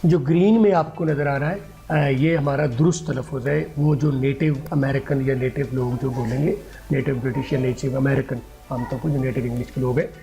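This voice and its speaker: A man's voice: medium pitch, fairly even intonation, fairly quick, creaky, dark tone, faint music behind. A man teaching an English pronunciation lesson, patiently repeating words and phrases for his students.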